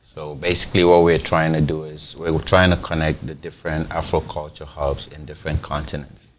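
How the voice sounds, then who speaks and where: There's slight background noise as a Cameroonian company founder speaks in a bass voice with little pitch movement, fairly quickly. In this conversational TV interview he explains things at length, often repeating words when starting a new phrase.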